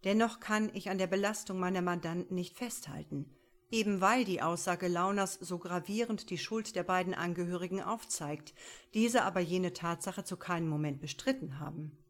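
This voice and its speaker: A woman's voice: on the low side, normal speed, close to an everyday voice. A woman voicing a male defense lawyer who talks carefully and formally. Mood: cautious. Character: cautious middle-aged male defense lawyer.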